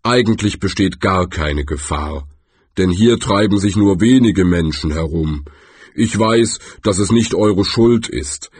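A man voicing a huge, gloomy male troll who speaks slowly and deliberately. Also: darkish tone, slightly rough, dry recording. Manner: slow, deliberate and rumbling.

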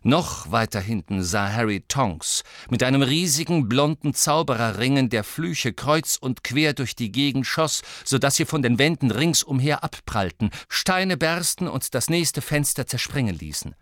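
A man reading an audiobook aloud in a tense, dramatic narrating style, speeding up and dropping low with the action. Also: expressive, moderate pace, hardly any pauses, fairly bright tone, no echo, studio quality.

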